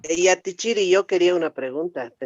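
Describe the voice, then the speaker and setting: A woman's voice: fairly low pitch, quick pace, darkish tone, no echo, muffled recording. A woman student asking her teacher questions in an online class, half complaining and laughing.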